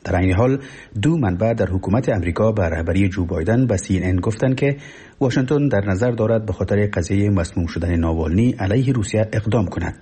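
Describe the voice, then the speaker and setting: A male radio newsreader with an Afghan Dari accent reads a report formally and solemnly. His voice is low, mellow and noticeably husky. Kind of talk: scripted radio news report.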